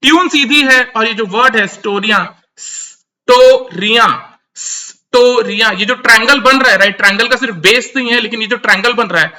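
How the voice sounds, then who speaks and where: A man's voice: very high voice, fast, few pauses, sharp tone. A man giving an emphatic commentary that explains and critiques song lyrics, repeating his key points and mixing English words into Hindi.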